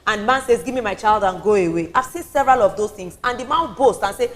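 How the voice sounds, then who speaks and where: A woman's voice: medium pitch, expressive, quick pace, soft background music. A woman from Nigeria with a Nigerian accent, a women's advocate explaining her views earnestly on a talk show panel and repeating points for emphasis. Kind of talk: studio talk show discussion.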